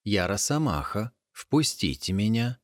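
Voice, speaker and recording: A man's voice: lowish voice, very animated, measured pace, dry recording, clean studio sound. A man voicing a timid wolverine in a folk tale, speaking in broken, simple phrases. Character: timid wolverine, meek and scared.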